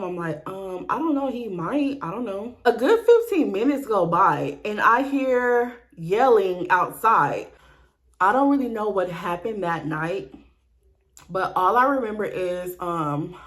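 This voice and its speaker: A woman's voice: medium pitch, fairly bright tone. A woman vlogger telling a story in casual, slangy talk with cursing, acting out the lines of the people in it. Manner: slangy, profane, acts out dialogue.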